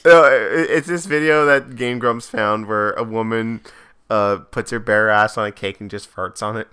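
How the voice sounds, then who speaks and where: Giggly rambling man, bright and smooth. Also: on the low side, steady tone, moderate pace. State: hiccuping, hungry. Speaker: podcast co-host. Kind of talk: casual couples podcast chat.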